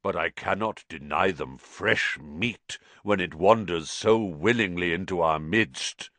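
A man voicing an ancient male giant spider, croaking and grave, speaking slowly in a storybook reading. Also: sits low, a bit bright, no echo, voice pushed down. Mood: fierce. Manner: slow, grave pronouncements.

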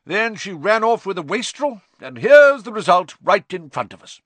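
A man voicing a loud, pompous, spiteful middle-aged aunt who has been drinking, in an audiobook. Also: high voice, sing-song, normal speed, dry recording, pitched above the performer's own voice, full character voice. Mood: smug, sneering. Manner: pompous, sneering, emphatic. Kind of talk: audiobook character voice.

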